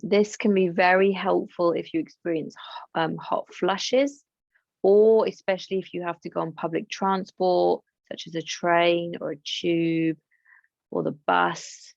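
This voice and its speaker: A woman yoga teacher from England guiding a class with gentle, encouraging instructions and chatty asides. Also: on the low side, steady tone, a little slow, vocal fry, no echo, highs cut off.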